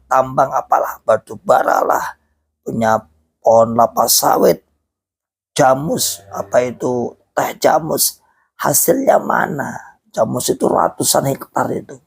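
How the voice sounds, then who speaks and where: Hoarse preacher, gravelly, repeats his appeals with fervor. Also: mid-range voice, a little slow. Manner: fervent, urging, repetitive. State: hoarse, recovering from illness. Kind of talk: preaching talk to followers.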